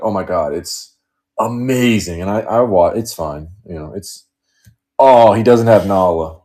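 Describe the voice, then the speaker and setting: Low and mellow, this man's voice carries a live card break stream. He chats casually as he reads off the cards, rambling, joking, and laughing often.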